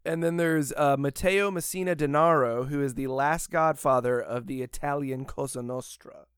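A man's voice: medium pitch, moderate pace, clean tone, dry recording, clean studio sound. An American man chatting casually as a podcast host, rambling, swearing and laughing often. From United States.

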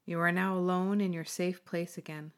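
A woman guides a meditation in a calm, unhurried way. Her voice sits a little low and soothing, with gentle pauses between phrases. She sounds like she is hosting a relaxation session.

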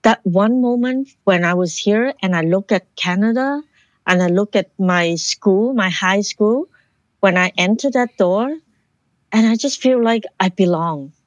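A woman from Hong Kong with a medium-pitched voice speaks unhurriedly in a dry recording. As an interview guest, she recounts her life story in conversation, earnest and reflective, often restarting her sentences.

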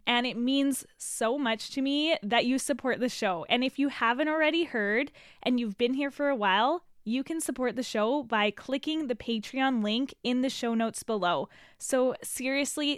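A woman's voice: a little high, measured pace, smooth, no room sound, studio quality. A woman hosting a solo lifestyle podcast, chatting enthusiastically while congested with a stuffy nose. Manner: bubbly and enthusiastic. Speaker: podcast host.

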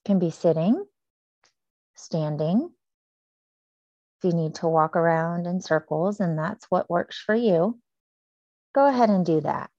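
A woman leading a guided breathing meditation, speaking slowly and softly with long pauses. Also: lowish voice, no room sound, highs cut off. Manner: slow, soft and soothing with long pauses.

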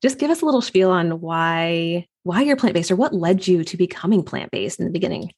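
A woman's voice: on the low side, animated, a little fast, darkish tone, husky. A woman hosting an interview, affirming her guest and asking friendly questions. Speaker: host. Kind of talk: casual interview.

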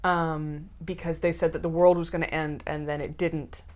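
A woman from the American South with a somewhat low-pitched voice, talking casually and telling lively stories. She often pauses on "um" and restarts her sentences while she thinks. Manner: animated storyteller, many ums and restarts. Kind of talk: casual chat.

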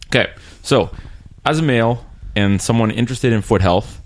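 A man hosting a podcast in casual interview chat, recorded in a small room, with hesitant pauses and throat clearing. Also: mid-range voice. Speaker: podcast host. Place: small room in a rented apartment.

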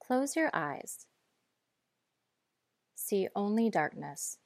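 A woman guiding breathing and muscle relaxation in a calm, measured, instructive way. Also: medium pitch, vocal fry, dry recording. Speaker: guide.

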